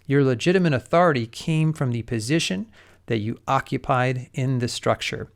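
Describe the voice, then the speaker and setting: A man's voice: mid-range voice, normal speed, creaky. A male college lecturer giving a recorded explanatory lesson, talking conversationally and speaking straight to the listener with everyday examples.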